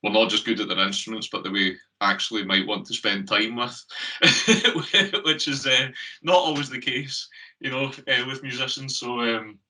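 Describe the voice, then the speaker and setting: A man's voice: mid-range voice, steady tone, normal speed, sharp tone, recorded from a distance. A man with a Scottish accent, chatting casually as a guest on a remote call, laughing often and filling gaps with ums. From Scotland. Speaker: guest, lead singer. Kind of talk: casual interview chat.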